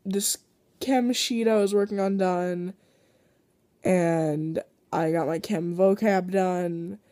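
A sick teenage girl talks through her day in a slow, rambling way, full of ums and restarts. Her voice is mellow and a little stuffy from congestion. The sound is dry and close, with no room echo. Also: on the low side, fairly even intonation. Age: teens. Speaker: vlogger. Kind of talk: casual daily vlog.

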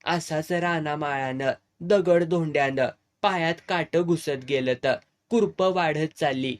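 A man's voice: fairly high pitch, a little slow, natural voice. A man voicing a practical, firm village man who served as a soldier, in a storybook reading. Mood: teasing.

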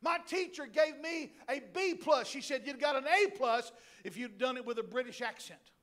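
High-voiced joking male pastor preaching. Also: normal speed. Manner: animated, joking preaching with asides to the congregation. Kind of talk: sermon. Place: church sanctuary.

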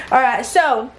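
Thirties woman, vlogger mom, casual rambling talk, slightly high pitch, light background noise. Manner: chatty, rambling with fillers and restarts. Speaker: vlogger, stay-at-home mom. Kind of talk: casual clean-with-me tour. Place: child's small red bedroom in a mobile home. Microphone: handheld camera at arm's length.

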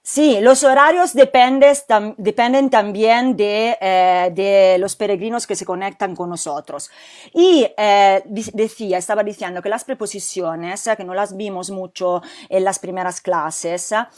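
A woman teaching a live online class, explaining slowly and carefully with many pauses and fillers. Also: mid-range voice, a little mellow. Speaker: Spanish teacher. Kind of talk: live online language lesson.

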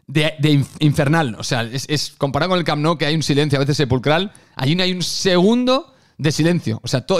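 Man, Galician accent, rapid animated chatter, slightly high voice, football youtuber. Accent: Galician Spanish. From Spain. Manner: animated, chatty, addresses viewers directly. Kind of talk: casual fan commentary and storytelling.

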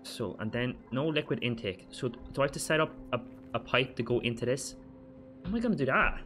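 Gamer guy freaking out over his colony, bright voice, swears a lot, squeaks up high when it goes wrong, faint game music. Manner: frantic, swearing, talks to himself and viewers; pitch jumps up sharply when panicking. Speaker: gaming channel host. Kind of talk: let's play commentary.

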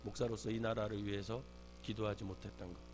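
A man's voice: fairly low pitch, flat delivery, quick pace, a little mellow. A man preaching an early-morning sermon as pastor, earnest, rising in force when he quotes scripture. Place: church sanctuary. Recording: faint mains hum.

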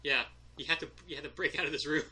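A man's voice: a little high, racing, bright, forceful tone. A man playing a video game, bantering casually and jokily with bursts of exclamation. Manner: jokey, exclaiming. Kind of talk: casual Let's Play banter. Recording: off-mic over game music.

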